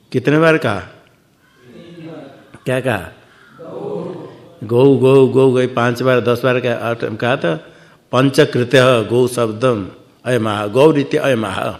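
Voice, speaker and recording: Man teaching scripture, questioning aloud. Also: mid-range voice. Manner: asks and answers his own questions, repeats words for emphasis. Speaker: Vedanta teacher. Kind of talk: scripture lecture.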